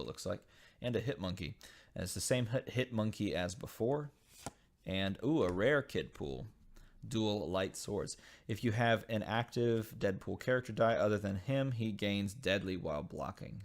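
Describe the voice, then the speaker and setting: A man hosting a casual unboxing video, reading game card text aloud and thinking over each card with frequent pauses. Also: fairly low pitch, lively intonation. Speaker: channel host opening dice game packs.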